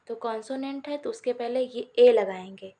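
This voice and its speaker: A woman's voice: a little high, moderate pace, mellow. A woman teaching a grammar lesson, explaining rules step by step, repeating examples and answering her own questions while addressing viewers as friends. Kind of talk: Hindi-language grammar lesson.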